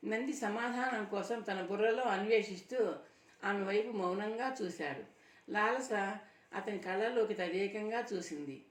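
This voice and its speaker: Woman narrating a novel, roomy sound. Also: medium pitch. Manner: measured, descriptive storytelling. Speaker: audiobook narrator. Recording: roomy sound from a distant mic.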